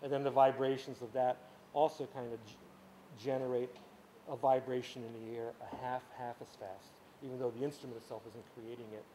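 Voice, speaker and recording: A music teacher delivers an informal workshop lecture on sound at a camp workshop room, in a flat, mellow, mid-range voice that runs a little fast. He comes from a Ukrainian-speaking background and explains at rambling length, with frequent restarts, fillers, and "you know"s. The recording is rough, with a little hiss or hum.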